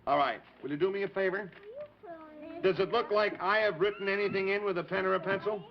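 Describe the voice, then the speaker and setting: A man playing an excitable, folksy host of a 1950s children's television show, speaking emphatically and repeating himself for the kids. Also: sits high, fairly quick, crowd noise. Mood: insistent. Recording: muffled 1950s TV recording with music.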